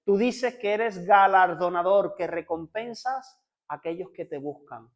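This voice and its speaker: A pastor with a high, light voice and a Spanish (Spain) accent leads a congregation in prayer at a measured pace. His prayer is fervent, constantly repeating "Señor" and short calls to the Lord, rising to urgent pleading.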